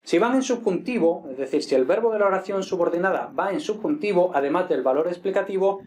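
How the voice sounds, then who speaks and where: A man's voice: sits high, expressive, quick pace, a little mellow, slight background noise. A man from Spain with a Spanish accent teaching a casual online Latin grammar lesson, often checking in with "¿vale?" as he explains. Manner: chatty, frequent "entonces" and "¿vale?" checks with students.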